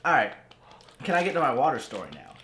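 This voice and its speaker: A man's voice: mid-range voice, big pitch swings, quick pace, fairly bright tone. A young man hosting a casual podcast, joking around and laughing often as he tells rambling stories. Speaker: podcast host. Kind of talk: casual chat. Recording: echoey room with faint noise.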